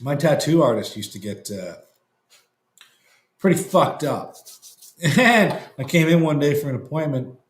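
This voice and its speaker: A man's voice: fairly high pitch, expressive, unhurried, pauses often, roomy sound. A man co-hosting a casual chat, joking around and laughing often. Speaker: co-host.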